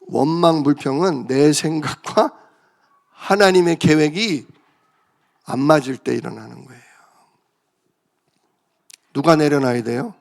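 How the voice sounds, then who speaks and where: A man's voice: fairly high pitch, measured pace, creaky, long pauses. A male pastor giving a conversational sermon, often asking the congregation questions. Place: church.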